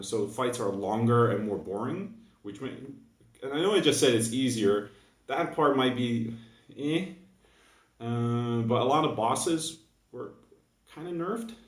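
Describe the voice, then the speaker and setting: In an unhurried, medium-pitched voice, a young Dutch man who has just woken up muddles through a relaxed gaming-video monologue, stopping to restart and leaning on fillers. The mic is distant and the room is echoey.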